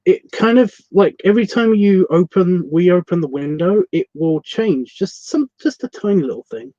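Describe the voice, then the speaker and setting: Scottish guy streaming an art class, a bit high voiced, keeps restarting sentences, dry dull lo-fi mic. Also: dark tone, no echo. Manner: rambling and self-correcting, swears casually. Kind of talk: casual livestream art tutorial. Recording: dry, slightly muffled lo-fi sound.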